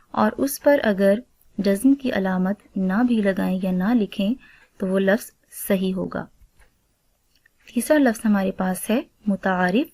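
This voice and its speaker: Pakistani woman teacher, mid-pitched, dry close sound, patient and methodical. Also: darkish tone, no echo. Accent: Pakistani Urdu. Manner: slow, careful dictation of word meanings and spellings; addresses students formally, frequent 'aa' fillers. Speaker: Urdu teacher. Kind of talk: recorded classroom lesson.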